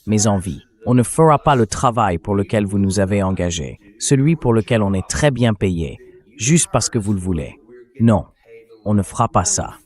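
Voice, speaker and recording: A synthetic AI dubbing voice for a man, on the low side with a darkish tone, delivers political commentary that is blunt, indignant and sarcastic.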